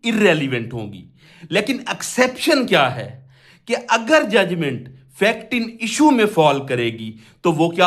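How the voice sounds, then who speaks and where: This Pakistani lecturer's voice is high and a little bright. Explaining law didactically in Urdu sprinkled with English legal terms, he raises his own questions and supplies the answers, pausing to read cited provisions slowly in chunks.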